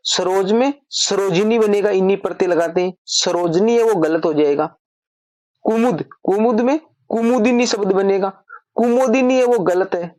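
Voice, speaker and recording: A woman teacher walks through grammar rules patiently, one step at a time, often asking a question aloud and then answering it herself. Her voice sits at a medium pitch. The recording is dry and close, with no room sound. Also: a little mellow, no room sound. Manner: repeats points as questions and answers them herself. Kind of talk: explanatory lesson.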